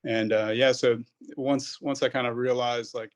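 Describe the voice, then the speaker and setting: Guesting on a podcast, a male pharmacist in his thirties gives loose, meandering answers full of fillers and false starts, speaking at a moderate pace in a level, medium-pitched voice.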